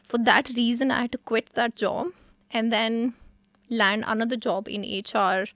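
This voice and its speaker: A woman's voice: on the high side, steady tone, a little slow, fairly bright tone, dry recording, clean studio sound. A woman in her thirties with a polished, educated Indian accent, answering as an interview guest and explaining from experience. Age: 30s. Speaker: interview guest, talent acquisition leader.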